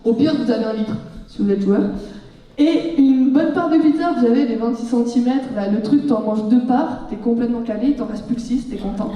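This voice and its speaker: A young French woman telling a humorous story about her student exchange, lively and joking, acting out bits of dialogue. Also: fairly high pitch. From France. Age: young adult. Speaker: student speaker. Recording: echoey hall, heard from far off.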